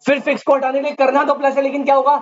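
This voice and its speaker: High-voiced male teacher quizzing his class. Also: completely flat delivery, racing. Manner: quizzes students, repeats key terms, calls them "beta". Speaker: commerce teacher. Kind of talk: live classroom lecture. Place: classroom with students. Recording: dull lo-fi audio with faint hiss.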